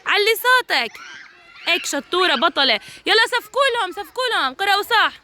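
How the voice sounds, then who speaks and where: Brief: young woman, preschool teacher, very high and bright voice, energetic and encouraging with the kids. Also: fast. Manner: energetic, encouraging, calling out to children. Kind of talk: leading a children's letter game.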